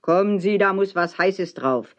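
Lady reading as a grumpy old boat guy, loud and blunt, storybook vibe, kinda dull sound. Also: mid-range voice, measured pace, close to an everyday voice. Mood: gruff. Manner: bellowing, blunt, grumbling. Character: gruff old male bargeman, stubborn, loud.

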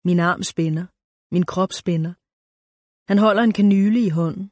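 A woman reading a first-person story aloud in a calm, measured, intimate way. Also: lowish voice, dry recording, studio quality. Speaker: narrator. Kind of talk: first-person audiobook narration.

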